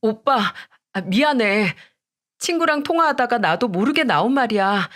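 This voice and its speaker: A woman's voice: on the high side, lively intonation, normal speed, a bit bright. Woman performing a whiny young fiancée begging to be forgiven. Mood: pleading. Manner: pleading, wheedling.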